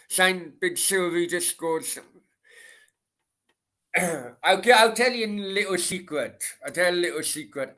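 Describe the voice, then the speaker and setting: With a slightly high voice that's pushed and bright, a middle-aged man from Merthyr, south Wales, chats casually as a livestream host in a Valleys accent. It's a late-night football Q and A, delivered in a sweary, rambling, repetitive way.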